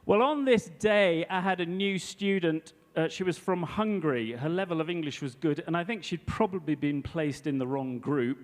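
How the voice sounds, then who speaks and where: A man's voice: on the high side, moderate pace, few pauses, big-room sound. A man in his fifties, an English language teacher, telling an anecdote at a conference talk and checking in with his audience. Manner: chatty storyteller, checks in with the audience. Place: hall before a live audience.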